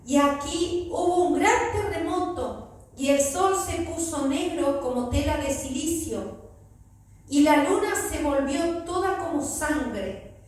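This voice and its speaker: A woman preacher with an Argentine Spanish accent reads scripture to her congregation. Her voice sits high and her reading moves slowly and evenly. The sound comes from a distance and rings with heavy room echo in a church hall. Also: expressive. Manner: slow, measured reading aloud. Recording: very echoey room, mic far off.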